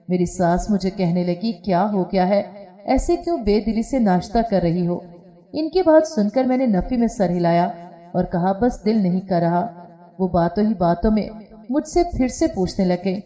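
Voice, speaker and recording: A woman telling a first-person story in a calm, steady scripted narration. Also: mid-range voice.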